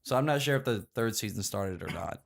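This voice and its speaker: Male podcast guest, casual recap, animated intonation. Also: fairly low pitch, fast talker, creaky. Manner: laughs while telling the story. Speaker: podcast co-host. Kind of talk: casual chat.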